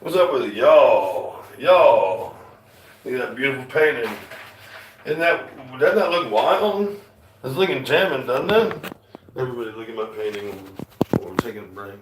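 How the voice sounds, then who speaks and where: This man has a light Southern accent and a mid-range, animated voice at a moderate pace, heard from a distance with a bit of hiss or hum. He rambles casually to viewers during his own music and painting show, trailing off and starting again. The room is echoey, his voice is a bit off-mic, and guitar music plays.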